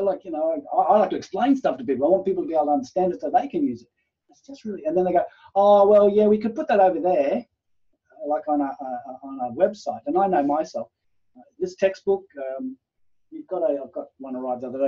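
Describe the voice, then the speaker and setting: A male university lecturer talks through an online class, rambling and chatty, acting out little quoted exchanges. His voice is dark and a little husky, swinging widely in pitch. The video-call audio sounds dull and muffled. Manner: rambling, chatty explaining with many fillers and acted-out quotes. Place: home room, video call. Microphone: computer microphone on a video call.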